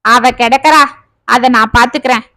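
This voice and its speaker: A woman voicing a soft-spoken, long-suffering village father in a family storybook tale, fond and pleading with his children. The voice sits high, and the sound is close and dry. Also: normal speed, no echo. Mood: tender.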